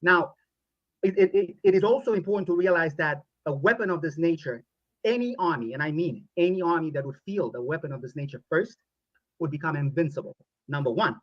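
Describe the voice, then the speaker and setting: A man from Romania, speaking in a formal, deliberate way as a podcast guest. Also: on the high side, animated, dry recording, lo-fi sound. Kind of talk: podcast interview played back.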